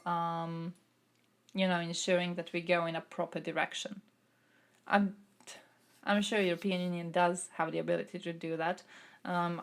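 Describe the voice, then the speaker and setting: A woman's voice: fairly low pitch, vocal fry. A young woman from Croatia who streams and answers chat, talking through politics in a casual way, thinking aloud with fillers.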